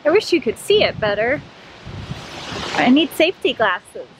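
A woman's voice: high voice, very animated, normal speed. A woman in her thirties chatting casually to a camera at arm's length outdoors. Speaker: travel vlogger. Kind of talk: casual vlog chat to camera. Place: outdoors in a campground. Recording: outdoor camera audio with clear background noise.

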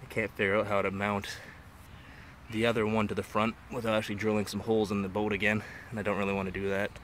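Man, plain-spoken and enthusiastic, deeper voice, handheld phone recording on a lawn. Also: little pitch movement, fast, a bit bright, slight background noise. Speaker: angler showing his canoe. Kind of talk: casual walkthrough. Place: outdoors on a lawn. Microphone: handheld phone camera.

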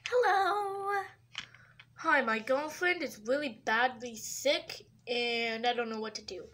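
A woman's voice: a little high, takes it slowly, fairly bright tone. A woman performing every character in a homemade toy-pet hospital short, switching from whispers to squeals. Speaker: toy video maker voicing all characters. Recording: faint background hiss.

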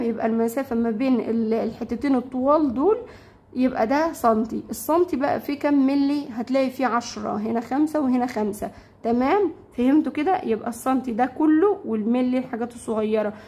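A woman teacher with an Egyptian Arabic accent, explaining English words to young pupils, repeating them slowly and checking often that they follow. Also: high-pitched, darkish tone. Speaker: primary school English teacher. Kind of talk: classroom lesson explaining vocabulary.

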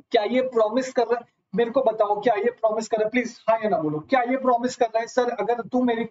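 A man's voice: sits high, darkish tone. A man teaching a live online lecture, asking his students question after question and calling them sir. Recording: slightly dull lo-fi audio.

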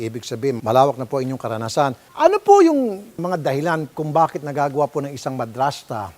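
A man's voice: medium pitch, a little mellow. A man with a Filipino accent hosting a public-service show, questioning people sternly and scolding them. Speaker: host. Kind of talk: confrontational public-service broadcast.

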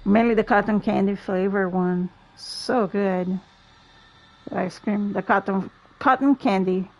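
A young woman streaming a game from her chair at home, talking in an easygoing, unhurried way. She keeps up a playful, chatty patter with her teammates and laughs often. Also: medium pitch, fairly even intonation, lo-fi sound. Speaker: gaming livestreamer. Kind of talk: casual live gameplay chat.

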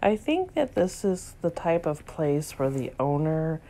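A vlogger and reseller narrates a casual shop-along through a cluttered indoor antique store in a low, slow, gravelly voice with big pitch swings. She marvels softly and sometimes drops to a whisper.

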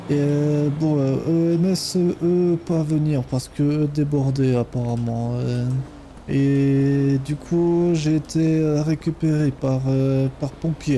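A man putting on a slow Ukrainian taxi driver. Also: medium pitch, dark tone, a little hiss or hum, natural voice. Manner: fake Ukrainian accent, broken French grammar. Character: Ukrainian immigrant male taxi driver, polite, broken French. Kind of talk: role-play in a game.

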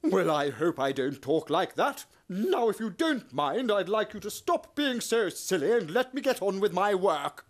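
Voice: mid-range voice, big pitch swings, a little slow, hardly any pauses. Someone doing a prissy little bookworm, fussy and tidy, kids puppet show. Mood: prim. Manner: prim, prissy.

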